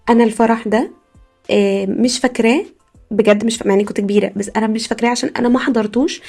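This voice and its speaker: A young woman from Egypt with an Egyptian Arabic accent, hosting a podcast as a casual comic monologue, telling stories in an animated way with frequent laughs. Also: fairly high pitch. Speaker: podcast host.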